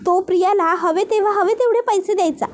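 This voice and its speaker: A woman's voice: extremely high pitch, brisk. A woman voicing a young married woman, a blunt and insistent sister-in-law, in an earnest, pleading reading voice.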